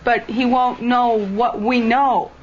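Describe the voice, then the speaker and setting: A woman's voice: fairly high pitch, steady tone, takes it slowly. A young woman, a former student, giving her opinions earnestly in a group discussion. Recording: dull lo-fi documentary audio with faint room noise.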